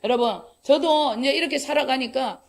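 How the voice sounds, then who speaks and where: A middle-aged woman pastor preaches a sermon. Her voice sits high and has a gravelly edge. She tells her stories in an animated way and acts out the voices in them. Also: normal speed. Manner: animated storytelling, acting out quoted dialogue, laughing.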